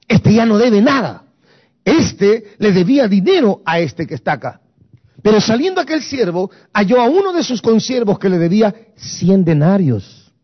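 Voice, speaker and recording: A man's voice: high-pitched, lo-fi sound. A man preaching a sermon, emphatic and repetitive, slipping into English phrases.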